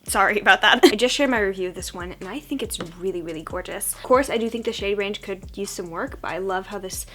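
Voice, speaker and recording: A woman's voice: medium pitch, fast, few pauses, bright, forceful tone. A young woman talks in a casual, chatty beauty-vlogger style. Her voice sounds froggy, as if she is a bit sick. She keeps an informal, self-deprecating way of talking, as though getting ready alongside friends. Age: young adult. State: sick with a cold-like hoarseness.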